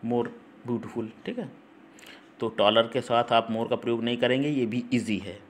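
A man of ordinary pitch teaches English grammar in a Hindi-language class. He keeps checking in with listeners and spells words out letter by letter. A faint background noise sits under the voice. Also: moderate pace. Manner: repetitive, checks in with listeners (ठीक? हम्म?). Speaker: English teacher for exam prep.

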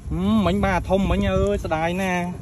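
A man's voice: high-pitched, level tone, normal speed. A man calling back and forth casually while fishing outdoors on a riverbank. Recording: outdoor phone audio with loud background noise.

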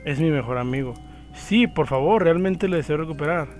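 Man reading lost ten-year-old girl, fairly high voice, faint music behind. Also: brisk, darkish tone, lightly acted. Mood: earnest. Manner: reads lines from the screen with slips.

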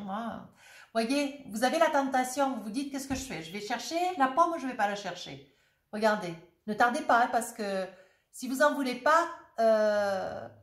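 A chatty, jovial woman reads tarot cards for her viewers while nursing a head cold. She talks casually and peppers every thought with little tags, sitting at a middling pitch. Her voice bounces around a roomy, echoey space. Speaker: tarot reader.

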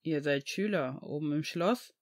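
A reader voicing a calm, serious young male centaur in a fan audiobook, speaking gravely and unhurried. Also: medium pitch, voice pushed down, natural voice. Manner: calm, grave, slow-spoken.

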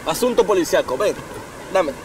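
An actor playing a cocky rebel cop in a parody of dubbed cop shows, brash and mock-casual. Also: male voice, high voice, animated, normal speed, heavy background noise. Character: cocky rebel male cop bullying a delivery boy. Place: in a car on a street.

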